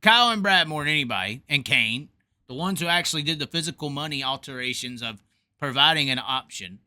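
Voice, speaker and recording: This podcast host runs a call-in show about sprint car racing, and his male voice sits a little high and moves fairly quickly. His casual, opinionated chat is emphatic and animated, full of repetition.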